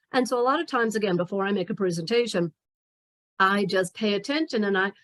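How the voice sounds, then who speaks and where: Animated New woman coaching. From New York. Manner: animated, emphatic, acts out examples with shifting pitch. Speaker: career coach. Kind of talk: webinar presentation. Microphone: video call.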